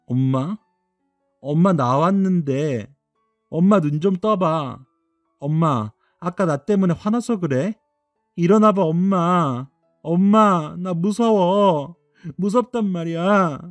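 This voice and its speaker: A high, strained young boy's voice, tearful and pleading, stretching out his cries, as a man puts him on. The sound is dry and close, with soft music underneath. It is radio drama acting. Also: animated, moderate pace, no room sound. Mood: pleading, sobbing. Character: upset ten-year-old boy, sulky then desperate.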